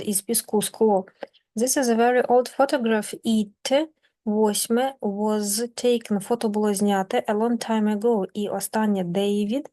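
A Ukrainian-accented woman teaching beginner English grammar, reading example sentences slowly and translating them, affectionate toward her students. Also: mid-range voice, darkish tone. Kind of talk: grammar lesson explained in Ukrainian.

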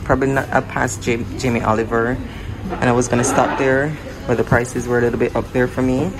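The audio is poor, with loud music running over a woman's rumbling low voice. Fairly quick and fairly even in intonation, she's a chatty, upbeat travel vlogger who speaks to "you guys" as she walks city streets and sits in cozy cafes.

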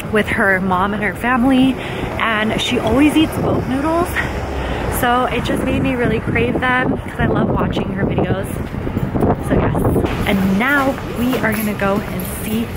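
A woman's voice: on the high side, unhurried. A woman in her twenties chatting casually as a food vlogger into a handheld camera. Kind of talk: casual vlog chat. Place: mostly outdoors on city streets. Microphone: handheld camera at arm's length. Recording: loud city and traffic noise.

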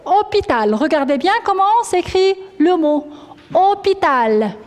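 A woman teacher giving a dictation to young pupils, slowly repeating each word and syllable. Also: very high voice, very animated, big-room sound. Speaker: primary school teacher. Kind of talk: classroom dictation lesson.

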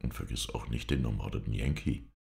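A man's voice: very deep voice, moderate pace, creaky, pitched below the performer's own voice. A man doing a venomously sweet mocking man. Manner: soft, poisonously sweet.

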